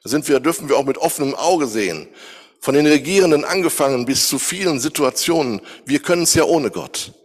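A man's voice: a little high, animated, a little fast, long reverb tail. A man preaching a sermon, speaking straight to his listeners and asking them searching questions. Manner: addresses listeners directly, posing searching questions.

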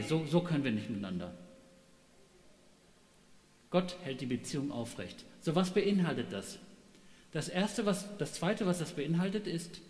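A middle-aged man preaching a sermon, animated, asking rhetorical questions and checking with his listeners. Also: a little high. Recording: echoey hall, long reverb.

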